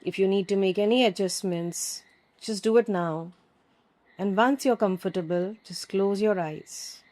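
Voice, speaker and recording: In this guided meditation, a yoga nidra teacher speaks in a mid-range voice. Her instructions are calm and soothing, separated by long pauses.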